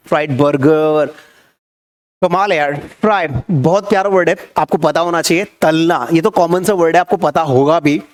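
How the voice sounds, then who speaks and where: A young man teaching English vocabulary in Hindi, repeating each word and quizzing his viewers as he goes. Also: on the high side. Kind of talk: Hindi-language vocabulary lesson.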